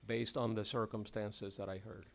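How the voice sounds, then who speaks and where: A man serving as hearing magistrate, giving measured, firm rulings with frequent pauses, heard in a courtroom hearing recording. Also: fairly low pitch, level tone, vocal fry. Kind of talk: formal hearing proceedings. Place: hearing room.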